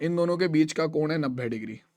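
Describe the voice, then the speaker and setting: A man's voice: fairly high pitch, quick pace, a little mellow. A man teaching a math lesson, repeating each point and quizzing his students.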